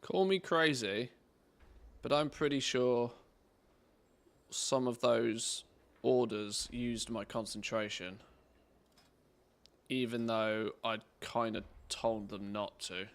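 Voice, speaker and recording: A man's voice: medium pitch, steady tone, takes it slowly, long pauses, clean tone. A man giving casual gameplay commentary, thinking aloud in an informal way. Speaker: gaming content creator.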